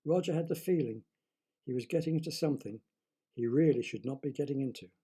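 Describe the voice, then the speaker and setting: A man narrating a story in a lively, dramatic manner. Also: medium pitch, fast, breathy edge.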